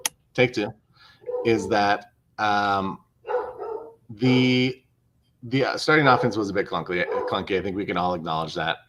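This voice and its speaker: Co-hosting on a video call, a man with a fairly low voice offers casual sports analysis. His delivery is measured and explanatory, and he restates phrases to drive his point home over some background noise.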